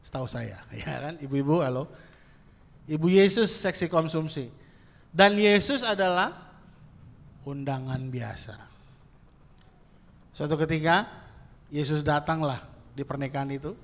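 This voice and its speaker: A male pastor preaching a sermon in a playful, lively way, acting out little prayers and asides. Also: a little high, measured pace, creaky, pauses often. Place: church hall. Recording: church hall with long reverb.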